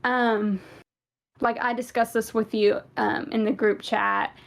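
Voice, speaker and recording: This young woman, a co-host on a laid-back fan podcast, has a Southern US accent and a fairly high, creaky voice that stays level and slow. She talks in a loose, wandering way, full of filler words.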